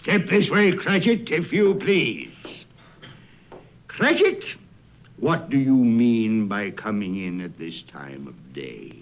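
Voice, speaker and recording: An elderly reformed miser in a radio drama, his voice leaping wildly from high to low. He takes his words slowly and theatrically, exclaiming with giddy delight. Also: big pitch swings. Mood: mock stern. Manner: exclamatory, chuckling, swooping delivery.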